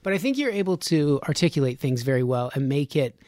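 A man's voice: fairly high pitch, big pitch swings, fast talker, darkish tone, dry recording, clean studio sound. Chatty rambling male podcast host. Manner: rambling, chatty, laughs often. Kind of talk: casual podcast chat. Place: podcast studio.

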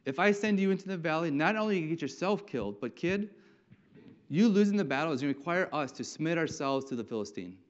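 A doubtful, patronizing king urges a young man to calm himself and get some perspective, as a man voices him in his sermon. The voice sits fairly high, and the recording sounds dull and lo-fi. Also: quick pace, lightly acted. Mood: patronizing caution. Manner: patronizing, cautioning. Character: doubtful king Saul, older man, cautious.

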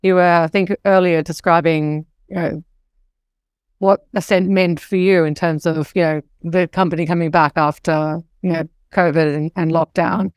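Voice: mid-range voice, steady tone, moderate pace, clean tone, dry recording, clean studio sound. A podcast host asking a question hesitantly, with many fillers. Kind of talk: podcast interview.

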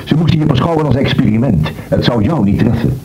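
An actor playing an earnest friend who reasons with a doubter and warns him, in a radio drama. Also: male voice, medium pitch, very animated, quick pace, warm tone, a little hiss or hum, poor audio. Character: earnest man warning his doubting friend.

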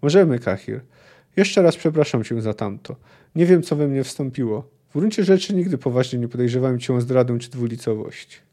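A man reading the lines of a dry, guarded grown monster hunter, measured and plain. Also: medium pitch, expressive, dark tone. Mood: apologetic.

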